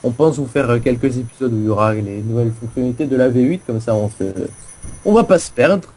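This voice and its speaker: Man, mid-pitched voice, casual gameplay commentary, rambling, self-mocking. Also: quick pace, dark tone. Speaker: co-host giving a game server tour.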